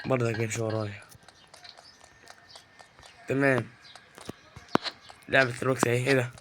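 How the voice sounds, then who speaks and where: A gaming YouTuber with an Egyptian Arabic accent gives live, teasing commentary while playing, his mid-range voice at a moderate pace over background noise. He's excitable and teasing, yelling at the game characters.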